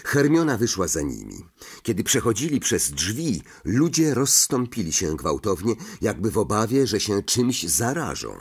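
A man narrating an audiobook, reading slowly and expressively with dramatic inflection. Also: on the low side, wildly swooping pitch, breathy edge. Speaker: audiobook reader.

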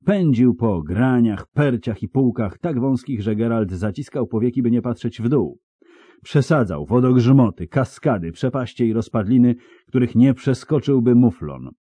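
A man narrating an audiobook in a steady storytelling delivery. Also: mid-range voice, moderate pace, slightly rough, no room sound. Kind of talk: scripted narration.

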